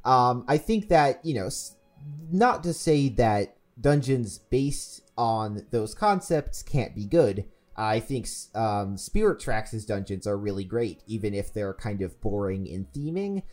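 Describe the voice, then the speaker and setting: A man's voice: medium pitch, darkish tone. A man who is a podcast regular, sharing opinions in casual discussion.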